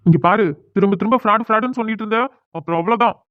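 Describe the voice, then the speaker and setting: A proud, quick-tempered young man in a cartoon drama, voiced by a man. He argues fast and bluntly, with a tinny, phone-like sound. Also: high voice, dry recording, natural voice.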